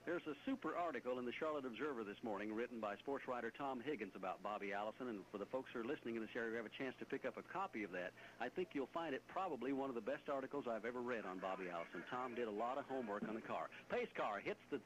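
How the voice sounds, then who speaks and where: A man's voice: mid-range voice, lively intonation, rapid-fire, hardly any pauses, slight background noise, poor audio. An American man, a motorsport commentator anchoring live race coverage on radio. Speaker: motorsport commentator, lead announcer.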